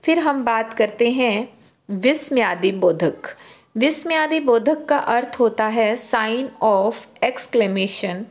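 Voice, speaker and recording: A woman teaching a grammar lesson to children, explaining slowly and repeating key terms. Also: on the high side, animated.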